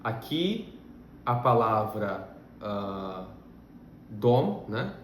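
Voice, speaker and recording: A man from Russia teaches a language lesson at an unhurried, deliberate pace, stopping often to check that his students follow. His mid-range voice carries a noticeable room echo, with a faint hum underneath. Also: lowish voice, sing-song. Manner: patient, step-by-step explaining with frequent check-in questions.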